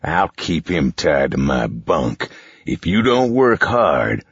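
A man voicing a scheming, sneering mine boss who speaks slowly and with menace. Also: a bass voice, very animated, fairly bright tone, husky, dry recording, heavily acted. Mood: menacing. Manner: slow, gloating, menacing. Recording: dull, muffled recording.

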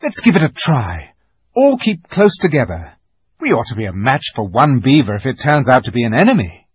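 A man voicing a bold, take-charge boy in a storybook reading, loud and firm. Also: mid-range voice, big pitch swings, normal speed, slightly rough, highs cut off, pitched above the performer's own voice.

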